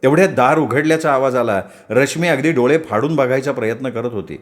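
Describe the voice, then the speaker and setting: A man's voice: medium pitch, a little fast. A man narrating a story with dramatic, vivid delivery.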